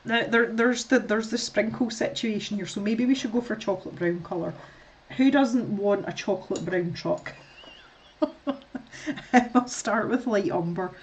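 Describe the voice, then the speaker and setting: A woman's voice: mid-range voice, a little slow, lo-fi sound. Scottish lady colouring n chatting, rambly, laughs a lot, middle aged. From Scotland. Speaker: art streamer. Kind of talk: casual chat while colouring.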